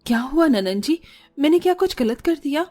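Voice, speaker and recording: A woman voicing a meek, gentle young bride in a cartoon story, speaking softly and pleadingly. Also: sits high, animated, normal speed, faint music behind, voice pushed up. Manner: soft, pleading.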